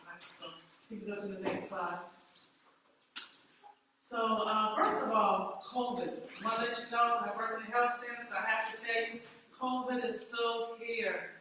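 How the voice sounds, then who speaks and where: A woman with a Charleston, South Carolina accent and a slightly hoarse voice, giving an informal, conversational public presentation and checking in with her listeners. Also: medium pitch, bright, forceful tone. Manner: conversational, often checks in with "right?". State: slightly hoarse from homecoming celebrations. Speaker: guest speaker, behavioral health director. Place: large reverberant event room. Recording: very echoey hall, distant mic, clear noise.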